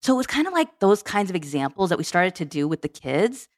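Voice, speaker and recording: Fast-talking woman telling a family story. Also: fairly low pitch. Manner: fast, animated storytelling with quoted dialogue. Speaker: guest, program management director. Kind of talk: storytelling in a podcast interview.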